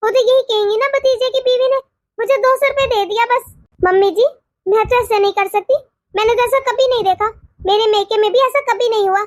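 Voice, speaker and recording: A woman's voice: extremely high pitch, fairly even intonation, fairly quick, no echo, studio quality. A woman voicing a polite but firm young daughter-in-law in a cartoon, arguing earnestly and respectfully. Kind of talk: cartoon voice acting.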